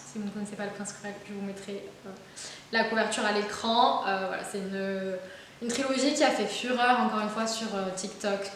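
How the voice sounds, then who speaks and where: A young woman who vlogs about books chats casually through a book haul in a fairly bright, mid-range voice. The very echoey recording carries a faint hiss, and her talk is full of enthusiasm, fillers and restarts.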